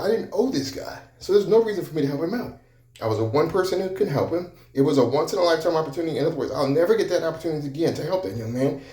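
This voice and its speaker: Man, motivational storytelling talk, mellow voice, repeats phrases, echoey room. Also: on the high side. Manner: conversational, repetitive storytelling with restarts.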